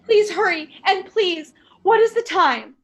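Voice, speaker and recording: A woman's voice: very high-pitched, animated, unhurried. A woman playing a nervous, demanding, self-pitying invalid wife alone at night in a suspense radio play. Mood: flustered, impatient.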